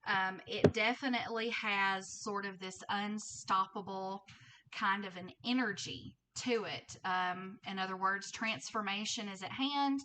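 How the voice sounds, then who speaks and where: Slow-talking woman with a thick Southern accent. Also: medium pitch, noisy background. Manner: conversational, with frequent check-in tags like 'okay?' and 'right?'. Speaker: tarot reader and host. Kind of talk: casual tarot card reading to camera.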